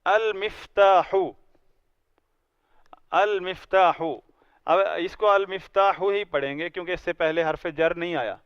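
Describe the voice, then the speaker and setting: A man's voice: a little high, few pauses, a bit bright, clear, resonant tone, no echo, dull audio. A man teaching a language class, patiently explaining each word and having students read aloud. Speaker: Arabic teacher. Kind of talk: classroom grammar lesson.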